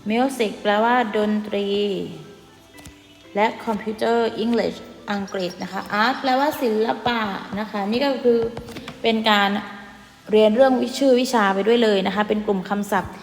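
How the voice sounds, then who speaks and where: A fairly high-voiced woman with a Thai accent teaches English to young pupils in a patient, step-by-step way and slows down on each English word. She keeps ending phrases with soft polite particles. The room is echoey with a long reverb tail, and faint music plays behind her. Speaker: primary school English teacher. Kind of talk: online classroom lesson.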